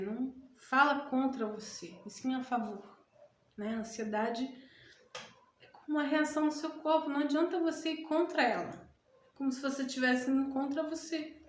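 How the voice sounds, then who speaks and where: A woman coaching listeners through anxiety, talking gently and slowing down to repeat calming phrases. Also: fairly high pitch, a little hiss or hum. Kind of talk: guided breathing talk. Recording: echoey room with faint ambience.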